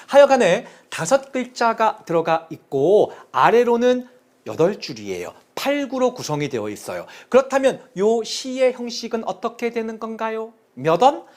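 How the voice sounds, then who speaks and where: A man teaching a lesson, counting aloud and repeating key terms in a sing-song way to help students remember. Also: sits high. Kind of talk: classroom lecture on Chinese poetry.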